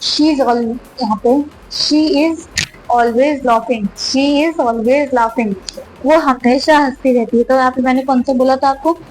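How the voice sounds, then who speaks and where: A woman teaches English grammar in a loose, chatty way, catching and fixing her own slips as she goes. Her voice sits high, and she slows right down to spell out example words. Soft music plays faintly underneath. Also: steady tone, low-quality recording. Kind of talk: casual classroom explanation.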